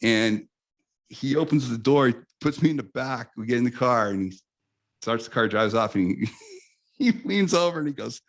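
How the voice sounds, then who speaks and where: A man in his fifties from the United States, a guest telling animated stories in a casual interview with frequent restarts. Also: medium pitch, moderate pace.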